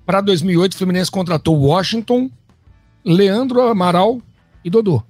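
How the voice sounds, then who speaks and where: A man's voice: high-pitched, normal speed, darkish tone, dry recording, clean studio sound, soft background music. A Brazilian man working as a sports interviewer, talking casually with his guest. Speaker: sports interviewer and match narrator.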